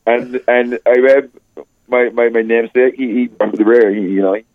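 An older man calling into a radio show as a guest musician, with a deep morning voice, telling a rambling story full of restarts. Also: flat delivery, normal speed, no echo, phone-quality sound. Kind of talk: phone-in radio interview.

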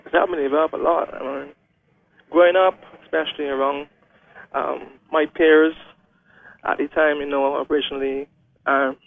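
A man's voice: on the high side, level tone, moderate pace, vocal fry, long pauses. A young man from Guyana, a wheelchair racer talking hesitantly as a guest in a radio interview. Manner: hesitant, many "um"s and restarts. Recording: phone-line radio call.

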